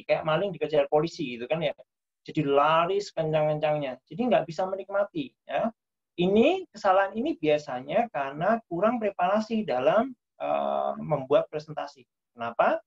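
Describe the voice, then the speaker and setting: A man giving a casual online workshop lecture, full of fillers and tag questions. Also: on the high side. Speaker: workshop presenter. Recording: dull lo-fi online call audio.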